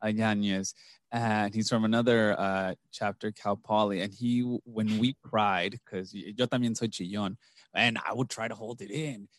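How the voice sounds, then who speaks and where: A man's voice: fairly low pitch, fairly even intonation, normal speed, no echo. Young male host, laid-back and chatty, switches into Spanish now and then, dry voice. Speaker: podcast host. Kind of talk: casual conversation.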